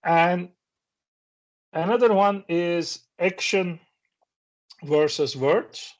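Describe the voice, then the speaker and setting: In dull, lo-fi audio, a middle-aged Turkish-speaking man delivers a reflective conference talk at an extremely slow pace in a high voice. He asks the audience questions and occasionally starts his sentences over.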